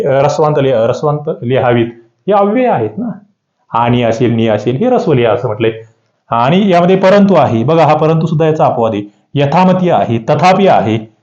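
Male teacher, exam-prep grammar lesson; higher voice, soft and dark in tone, roomy and muffled recording. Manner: explains with many examples, pitch rising and falling sharply for emphasis. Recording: dull, echoey room sound.

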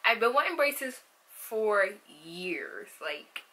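A young woman vlogger speaks with braces in her mouth. Her voice is bright and mid-pitched, and she takes her time overall. She is chatty and animated, wandering into casual asides as she talks. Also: takes it slowly, low-quality recording. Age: young adult. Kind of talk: casual personal vlog. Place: small room at home.

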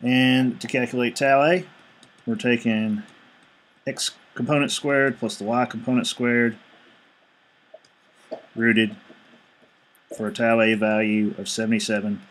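A man recording a screencast lecture on a desktop mic, talking through calculations one step at a time. His voice sits at an ordinary middle pitch, and he reads figures aloud in a steady, matter-of-fact way. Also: a little slow, long pauses. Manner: steady step-by-step explaining, reading out numbers. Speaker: engineering instructor.

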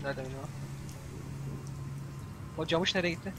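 A young man giving casual let's-play commentary, excitable, talking to himself and swearing at the game. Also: fairly high pitch, moderate pace, background noise. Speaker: gameplay commentator. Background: game music.

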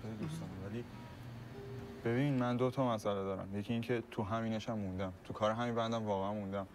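An actor playing a young musician who talks casually and apologizes for turning down an offer. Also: male voice, fairly low pitch, steady tone, music in the background, lightly acted.

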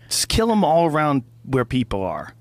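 A man's voice: a little high, unhurried, no room sound. A man hosting a podcast in casual chat, talking bluntly with lots of profanity. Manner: blunt and profane, lively and animated. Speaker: podcast host.

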